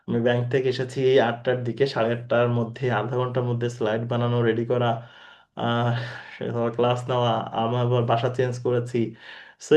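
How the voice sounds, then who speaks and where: A man's voice: medium pitch, darkish tone. A man giving a recorded exam-prep grammar lecture, who repeats his key points, asks the class rhetorical questions and mixes English words into his talk. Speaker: teacher.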